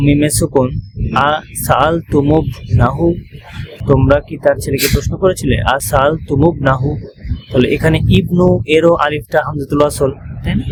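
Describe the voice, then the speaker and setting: A man with a Bangladeshi Bengali accent teaching an online Arabic grammar lesson. He explains step by step, often asks checking questions, and reads example phrases slowly before translating them. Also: a little high, noisy background.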